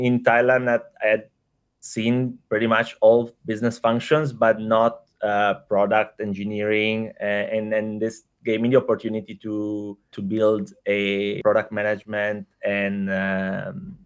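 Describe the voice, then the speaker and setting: This clean recording features a low, monotone, unhurried male voice with an Italian accent. He is a thirty-something startup executive from Italy, guesting on a casual interview and recounting his career with frequent hesitations, fillers, restarts and repeated words.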